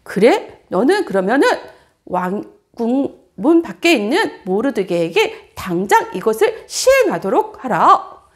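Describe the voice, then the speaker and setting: A woman voicing a proud older king who questions his officials and gives orders in a deliberate, regal manner, told as a children's Bible story. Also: on the high side, sing-song, pitched below the performer's own voice, full character voice. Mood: commanding. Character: proud Persian king, older man, commanding.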